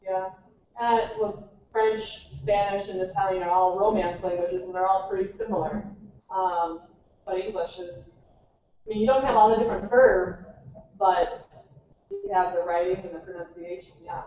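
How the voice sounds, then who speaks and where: A young woman from Minnesota with a Minnesotan American accent, chatting and telling stories as a native English conversation partner, her voice animated and full of quoted asides. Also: medium pitch, moderate pace, long pauses. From Minnesota, United States. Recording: distant, tinny, echoey hall with faint noise.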